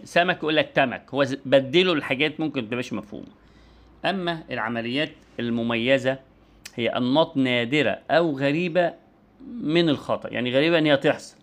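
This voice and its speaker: A man with an Egyptian Arabic accent giving an online lecture and demonstrating speech sounds as he explains. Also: on the high side.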